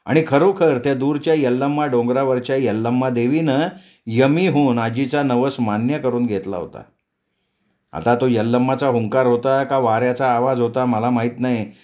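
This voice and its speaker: A man narrating a novel aloud in a measured storytelling manner. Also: medium pitch, a little mellow, dull audio. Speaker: audiobook narrator.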